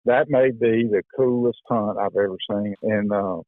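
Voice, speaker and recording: A man's voice: fairly low pitch, steady tone, moderate pace, no room sound. A man telling a hunting story in a folksy, easy-going voice-over. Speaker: hunting show host. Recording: dry, phone-like thin sound.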